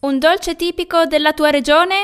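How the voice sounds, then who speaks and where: A woman's voice: sits high, steady tone, moderate pace, fairly bright tone. A woman asking short casual questions as an interviewer. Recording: music under the voice.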